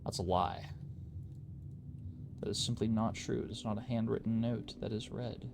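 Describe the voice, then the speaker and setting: A man's voice: on the low side, steady tone, moderate pace, vocal fry, background noise. A man giving casual gameplay commentary, thinking aloud and muttering to himself as he plays. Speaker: gaming YouTuber.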